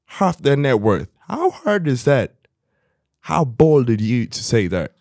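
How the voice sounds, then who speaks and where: A man co-hosting a casual podcast chat, talking in an animated way and reading viewer comments aloud. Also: medium pitch, slow pace, dry recording, clean studio sound. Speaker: podcast co-host.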